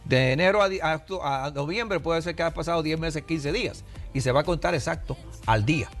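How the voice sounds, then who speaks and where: A man's voice: on the high side, fairly quick, a bit bright, soft background music. A Puerto Rican man in his sixties, an immigration adviser on a TV interview, explaining patiently with examples. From Puerto Rico.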